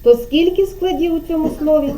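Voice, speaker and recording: A woman's voice: high voice, a little fast, dark tone. A woman kindergarten teacher giving an online speech lesson to a child over a video call, patiently drawing out syllables and prompting.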